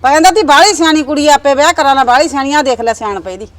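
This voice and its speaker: A woman's voice: sits high, rapid-fire, natural voice. A woman playing a scolding old mother-in-law. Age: older. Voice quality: scolding, nagging. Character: sharp-tongued old village mother-in-law. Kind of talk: village comedy drama.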